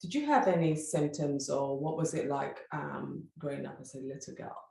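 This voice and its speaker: Deep gravelly woman hosting, echoey. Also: moderate pace, mellow. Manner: effusive, stumbles over words. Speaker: podcast host. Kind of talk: enthusiastic interview hosting.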